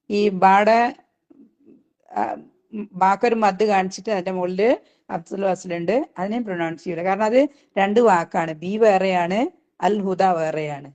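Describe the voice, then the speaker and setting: A woman teaches a recitation class and explains each rule patiently. She keeps checking in with "okay?" between points and slows down to recite short phrases. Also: medium pitch, a little mellow. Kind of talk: recitation lesson.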